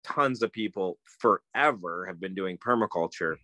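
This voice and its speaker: The guest, a middle-aged permaculturist, calls in by phone video from an indoor room with bookshelves. His fairly low voice comes across dry and close at normal speed, without room sound, as he muses, meanders and keeps stopping to restart, with many fillers in a relaxed, conversational tone.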